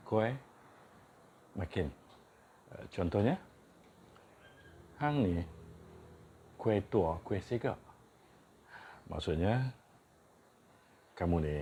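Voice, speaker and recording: Man, low voice, slow teacherly delivery, repeats words for clarity. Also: darkish tone, slight background noise. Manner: explanatory, repeats each word with its meaning. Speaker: teacher of Kedah dialect words. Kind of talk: informal dialect lesson with example sentences.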